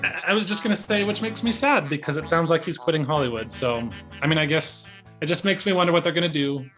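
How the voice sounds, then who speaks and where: With a fairly high, fairly bright voice and a fast pace, this man co-hosts a casual movie-review podcast. He rambles and hesitates, frequently backtracking to correct himself, with music playing underneath.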